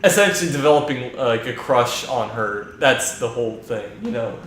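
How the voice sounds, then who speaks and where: A man's voice: medium pitch, animated, moderate pace, fairly bright tone. Young male gamer commenting, rambling and crude, in a very echoey room. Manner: rambling, filler-heavy, crude. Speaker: let's play commentator. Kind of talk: casual gaming commentary. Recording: very echoey room, faint noise.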